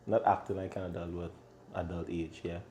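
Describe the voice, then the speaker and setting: A man's voice: deep voice, level tone, fairly quick, warm tone, echoey room. A man in his thirties from Trinidad and Tobago with a thick Trinidadian accent, an easygoing chef chatting casually in an interview and laughing often. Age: 30s. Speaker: chef and restaurant owner.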